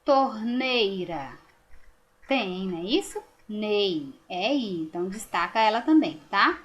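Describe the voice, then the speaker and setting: A woman's voice: mid-range voice, lively intonation, a bit bright, muffled recording. Patient woman teaching young children. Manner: patient, drawn-out words for children. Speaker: primary school teacher. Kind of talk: recorded remote lesson.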